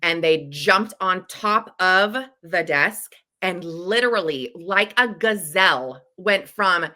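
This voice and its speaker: A woman educator co-hosting a podcast, telling a story in a lively, casual way and acting out her own past thoughts. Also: lowish voice, slow pace.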